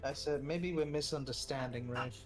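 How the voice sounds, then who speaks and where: A man's voice: mid-range voice, moderate pace, faint music behind. A man reading game narration aloud with a dry, wry delivery while chatting with friends. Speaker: streamer.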